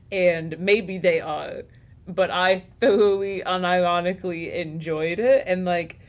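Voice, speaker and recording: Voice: medium pitch, steady tone, slow. A podcast host in casual chat, laughing often and talking enthusiastically about movies.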